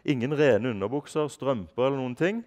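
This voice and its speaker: A man reading as a stiff, flat-voiced head butler. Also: mid-range voice, voice pushed up, natural voice. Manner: flat, clipped, scolding. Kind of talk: reading aloud from a novel.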